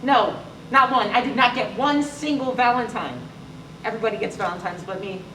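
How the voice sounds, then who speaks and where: A young man acting out a fretful, hapless little boy on a theater stage, his high-ish voice singing and muttering over a piano. The sound comes from across an echoing hall, far from the mic. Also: brisk, sharp tone, a little hiss or hum. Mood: dejected. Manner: sings with piano, talks himself through worries. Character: gloomy nervous young boy, hopeful underdog. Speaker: stage actor. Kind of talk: live stage musical.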